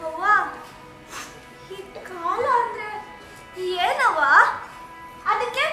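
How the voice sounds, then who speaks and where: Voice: very high voice, lively intonation, very slow, bright, forceful tone, exaggerated voice. A young performer playing a frightened, plaintive daughter asking her mother questions. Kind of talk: stage drama acting. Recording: echoey hall, music behind.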